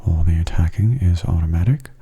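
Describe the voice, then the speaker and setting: A gaming ASMR video host speaks softly into a close mono microphone, offering hushed, breathy gameplay commentary at an unhurried, casual pace. His voice is low, husky and breathy.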